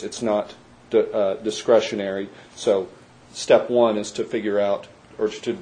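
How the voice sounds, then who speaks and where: A man presenting his case at a public meeting, measured and legalistic, with frequent hesitations. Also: lowish voice, warm tone, poor audio. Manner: measured and legalistic, many "uh" fillers. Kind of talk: formal argument at a public meeting.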